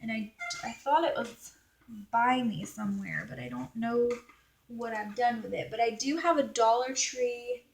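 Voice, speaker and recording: Her voice sits on the high side, slightly rough, with a measured pace. She's a vlogger from Alabama in the United States with a Southern US accent, hosting a planner video and chatting casually in a rambling, self-effacing way.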